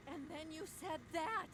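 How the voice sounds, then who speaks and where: A woman voicing an excitable, easily annoyed cartoon character. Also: extremely high pitch, slow, background noise. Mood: amazed.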